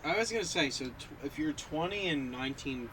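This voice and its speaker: A young man, still in school, chiming in with quick jokes and questions in a casual podcast chat. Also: a little high, expressive, fairly bright tone, slight background noise, rough recording. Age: young adult. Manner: quick joking interjections. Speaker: podcast co-host.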